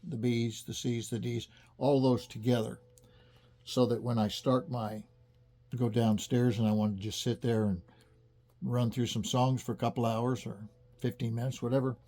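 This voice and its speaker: Relaxed man giving a casual app tutorial. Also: medium pitch. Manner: relaxed, chatty explaining with small restarts. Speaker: music teacher demonstrating an app. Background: faint banjo music playing from the app.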